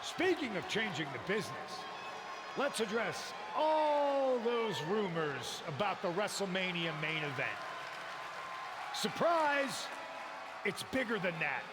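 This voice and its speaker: An actor playing a boastful wrestling faction leader cutting a promo in a video game cutscene, grandstanding with drawn-out announcements. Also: male voice, high-pitched, very animated, heavily acted. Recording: game audio over roaring crowd noise.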